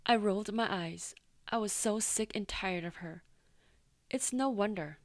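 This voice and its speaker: A woman narrates a first-person true story in an even, steady voice of middle pitch. The sound is dry and close, with no room around it. She lifts the quoted lines a little louder than the rest. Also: unhurried, dry recording.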